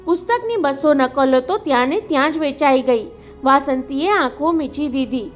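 A woman audiobook narrator reading a novel in a calm, measured way. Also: high voice, soft background music.

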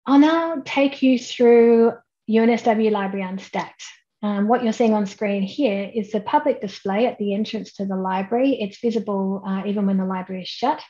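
Woman presenting, mellow dull-toned webcam audio. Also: mid-range voice. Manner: measured, explanatory, with frequent "um"s. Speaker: keynote speaker. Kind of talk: online conference presentation. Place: indoors at home, plain wall behind. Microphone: webcam at desk, head and shoulders framing.

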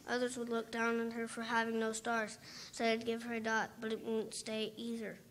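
A woman reading a storybook aloud on stage at a school program, plain and steady. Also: a little high, moderate pace, slight background noise. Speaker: student narrator.

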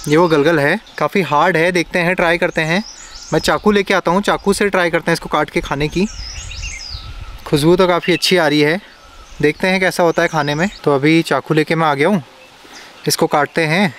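Brief: male camping vlogger, a touch high-pitched, chatty on-camera explainer, outdoors with faint bugs and birds behind. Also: steady tone, normal speed, long pauses, a bit bright, slight background noise. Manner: chatty, explains each step to viewers. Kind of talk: casual vlog narration to camera. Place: outdoors at a forest campsite in the hills.

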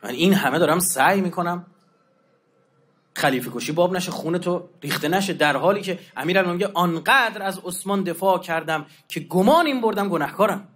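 A man giving a colloquial religious history lecture, telling stories in an animated way and acting out the quoted exchanges, with informal slang and asides. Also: high voice, slightly rough.

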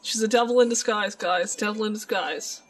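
A woman vlogging at home, chatting casually to the camera and cooing baby talk at her dogs and cats, swinging between soft and loud. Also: medium pitch, moderate pace, faint music behind. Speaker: vlogger and pet owner. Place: home, indoors.

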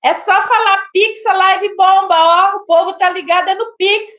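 A woman hosting a casual live stream, exclamatory and quick to laugh, greeting viewers by name. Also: extremely high pitch, fairly even intonation, fairly bright tone.

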